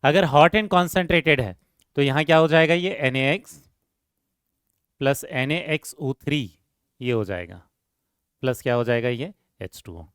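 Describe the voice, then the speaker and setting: A man's voice: medium pitch, animated, measured pace, long pauses, a bit bright, clear, resonant tone, dry recording, clean studio sound. A man teaching a chemistry lecture step by step, asking rhetorical questions and addressing students fondly. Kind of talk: classroom lecture.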